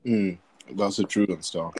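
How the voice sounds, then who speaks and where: A man's voice: low-pitched, fairly even intonation, measured pace, rough recording. A young man with a London roadman accent and slang, telling things casually among friends. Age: young adult. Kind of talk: casual group chat.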